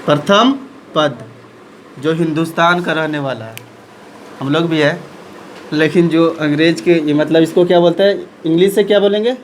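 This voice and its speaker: A man's voice: fairly high pitch, steady tone, normal speed, slight background noise, poor audio. A man teaching a maths lesson in speech, asking questions and answering them himself.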